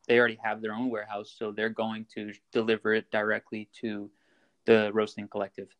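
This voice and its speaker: A man's voice: on the low side, monotone, fairly quick, a bit bright, highs cut off. A man being interviewed as a guest about his work roasting coffee, explaining the steps plainly with frequent fillers and restarts. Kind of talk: casual interview chat.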